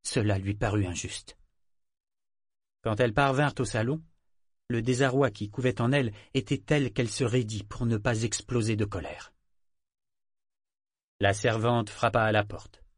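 A man reads scripted audiobook narration in a measured, expressive way. His voice sits in the mid range, captured with clean studio sound and no room ambience.

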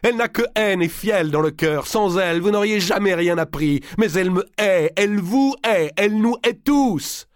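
A furious, proud young noblewoman hurls high, shouting insults, as a male reader puts her on. Her voice rides far above his own low register, swinging wildly with scorn. The recording is close and dry. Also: animated, normal speed, dry recording, close to an everyday voice.

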